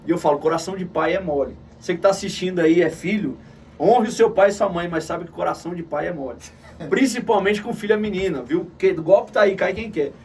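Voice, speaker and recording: A middle-aged man with a Gaúcho Brazilian accent recounts a painful family story at a quick clip, his voice sitting high. He is heard from a few steps off the microphone, with faint noise in the background. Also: recorded from a distance. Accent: Gaúcho Brazilian Portuguese. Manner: animated, calls the listener "cara" often. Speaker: interview guest, missionary. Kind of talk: emotional personal storytelling.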